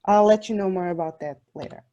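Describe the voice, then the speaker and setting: Soft-toned woman from Portugal presenting. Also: mid-range voice, quick pace, lo-fi sound. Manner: hesitant, many fillers and restarts. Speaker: software developer giving a talk. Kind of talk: online presentation.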